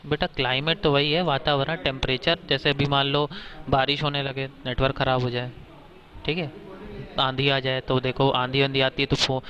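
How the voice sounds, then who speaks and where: A male teacher explaining a lesson to his class, often pausing to ask whether students understood and inviting their questions. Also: mid-range voice, level tone, sharp tone, lo-fi sound. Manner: keeps checking understanding with short questions.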